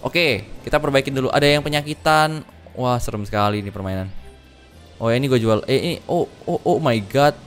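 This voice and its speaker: Excitable man doing game commentary. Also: medium pitch, fairly quick, faint music behind. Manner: excitable, shouts in alarm, slangy. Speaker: gaming channel host. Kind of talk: live gameplay commentary.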